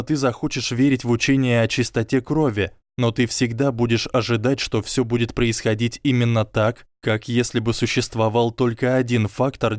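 A man voicing an earnest, clever young wizard who argues calmly and persuasively. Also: medium pitch, no room sound, clean studio sound, natural voice. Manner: calm, reasoning, quietly persuasive.

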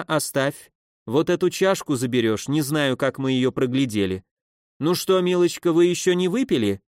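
A man voicing a drunken, cruel old woman who scolds and mocks in a loud, theatrical way. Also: on the high side, dry recording, clean studio sound, lightly acted. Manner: sneering, scolding, loudly theatrical.

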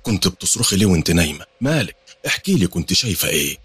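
A man voicing a worried, caring mother in a horror story, raising his pitch, with an Egyptian accent. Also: big pitch swings, racing, fairly bright tone, husky, no echo, full character voice. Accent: Egyptian Arabic. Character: worried caring mother, middle-aged woman.

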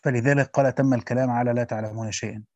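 Guy reading old commentary out loud quick, breaks off to explain, flat muffled dry audio. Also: medium pitch, no room sound. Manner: reads fast, stops to explain in Egyptian Arabic. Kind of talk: reading a classical text aloud with spoken asides. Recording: dull dry lo-fi recording.

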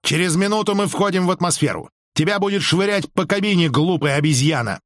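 A man's voice: medium pitch, lively intonation, fast, husky, no room sound, studio quality. A man voicing a tense young male cat-like alien engineer who snaps harshly at his companion, in an audiobook. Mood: angry. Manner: harsh, snapping. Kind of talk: audiobook character voice.

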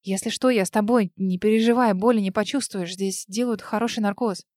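A woman's voice: mid-range voice, steady tone, brisk, darkish tone, dry recording, studio quality, natural voice. A woman voicing a resolute friend who works at a crisis center, speaking firmly and reassuringly. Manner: firm, reassuring.

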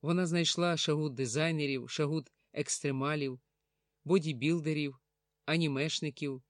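A man's voice: fairly high pitch, fairly even intonation, normal speed, dry recording. Man reading an audiobook, dry sound. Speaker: audiobook narrator. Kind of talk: scripted narration.

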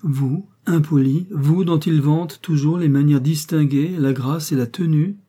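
A man voicing an effusive, flattering young woman who pleads and coaxes. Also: fairly high pitch, moderate pace, breathy edge, pitched above the performer's own voice. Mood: gushing.

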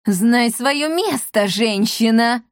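A woman's voice: a little high, lively intonation, takes it slowly, no echo, clean studio sound. A woman voicing a sneering old villain apothecary. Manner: sneering, threatening. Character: nasty scheming old male apothecary.

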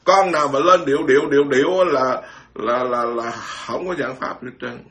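A man's voice: mid-range voice, steady tone, moderate pace, fairly bright tone. A man, a Buddhist monk giving an informal dharma talk, blunt and scolding, mocking others and stammering through repeated words.

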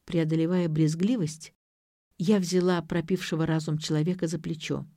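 A woman reads a first-person audiobook in an even, clear manner. Her voice is on the low side, and the recording is close and dry. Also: moderate pace, dry recording. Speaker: narrator.

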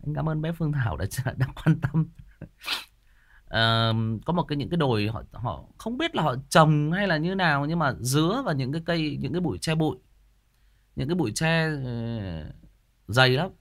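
Animated man telling a story. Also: fairly high pitch, moderate pace. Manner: animated, rambling, with repeated words and asides to listeners. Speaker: storyteller host. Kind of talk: casual spoken storytelling to a live audience.

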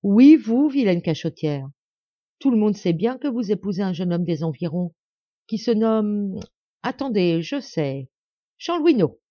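A woman's voice: on the low side, lively intonation, a little slow, mellow, no room sound, dull audio. A woman voicing a haughty, spiteful young noblewoman who mocks with false sweetness, read in an audiobook. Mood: mocking.

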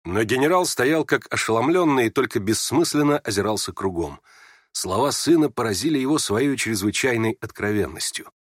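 A man narrating a classic novel in a calm, measured reading voice. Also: mid-range voice, no room sound, clean studio sound.

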